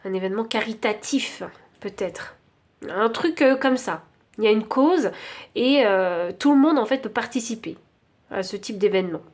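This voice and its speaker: A woman with a French accent giving an intuitive tarot reading, thinking aloud with many pauses and fillers. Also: on the high side, lively intonation. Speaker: tarot card reader.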